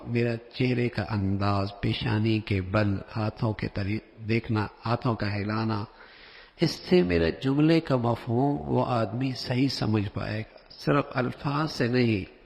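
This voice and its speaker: Gravelly male preacher in a reverberant hall. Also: on the low side, darkish tone. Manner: explanatory, acts out example phrasings. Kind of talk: sermon.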